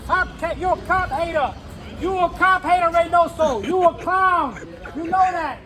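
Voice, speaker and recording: A man in his fifties from New York, heckling at an outdoor rally, shouting and repeating taunts in English and Spanish. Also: very high-pitched, normal speed. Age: 50s. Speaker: street protester. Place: outdoors by a city building. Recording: crowd and street noise. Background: crowd, traffic.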